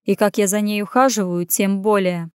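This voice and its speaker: A gruff grown man answers in short, grumbling phrases, as a woman reader voices him. The voice stays mid-pitched and plain. The audiobook recording is dry and close. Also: steady tone, normal speed, no echo, close to an everyday voice. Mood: curt. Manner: curt and grumbling. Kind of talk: audiobook character voice.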